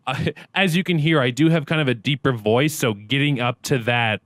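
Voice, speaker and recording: A young adult man, a streamer and actor, chats casually as a podcast guest, upbeat, jokey and animated. His medium-pitched voice moves at a moderate pace in studio-quality audio with no room sound.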